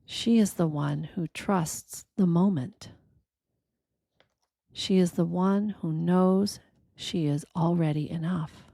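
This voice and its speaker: A woman gives a quiet, reflective scripted reading in a gentle, deliberate manner, leaving pauses between short phrases. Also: on the low side, gravelly, no room sound, studio quality. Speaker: narrator of a reflective spiritual reading.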